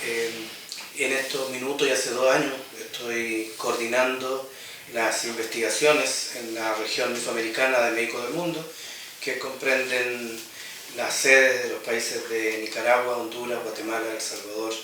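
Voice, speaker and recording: A man's voice: mid-range voice, little pitch movement, background noise. Man speaking reflectively, roomy distant sound. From Chile. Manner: reflective, with frequent hesitant "eh" pauses. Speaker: research coordinator. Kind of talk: interview. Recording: roomy, distant mic with background music.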